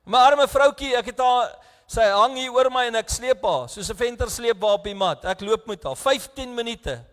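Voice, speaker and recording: A South African man preaching a sermon as pastor, earnest and close to tears, his delivery swinging between hushed and raised. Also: extremely high pitch, normal speed. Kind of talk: bilingual sermon. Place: church. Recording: echoey church hall.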